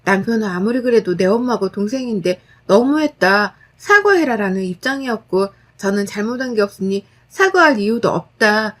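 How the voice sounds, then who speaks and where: A woman's voice: mid-range voice, animated, moderate pace, hardly any pauses. A woman narrating a dramatized first-person story, blunt and firm in tone. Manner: blunt, firm, sharp-tongued.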